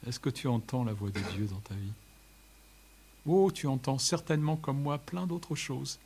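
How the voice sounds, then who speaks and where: A man's voice: medium pitch, moderate pace, slight background noise. A man preaching a sermon, joking with the congregation and at times crying out lines at full voice. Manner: lively, jokes with the audience, shouts some lines.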